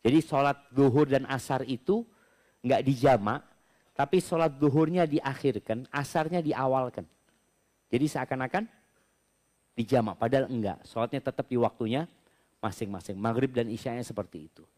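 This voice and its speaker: A male preacher at a question-and-answer religious talk, speaking at an ordinary male pitch. He reads the questions aloud and then works through each answer in an easygoing, conversational manner, explaining step by step. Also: normal speed, a little mellow.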